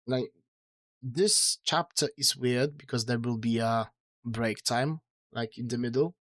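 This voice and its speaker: With a medium-pitched voice and no room sound, a man chats casually to his livestream audience while reading his own book. He sounds weary and strained in the throat, rambling along self-deprecatingly through fillers and restarts.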